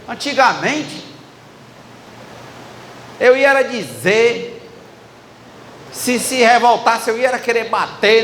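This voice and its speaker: A man with a Ceará accent gives a sermon in a conversational tone, often slipping into quick imitations of other people's lines. His voice sits high for a man. It carries through a reverberant hall with a faint murmur of ambience behind it. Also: a bit bright, a little hiss or hum. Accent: Ceará, Brazil. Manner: conversational, acting out dialogue with the audience. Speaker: preacher. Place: church hall with live audience.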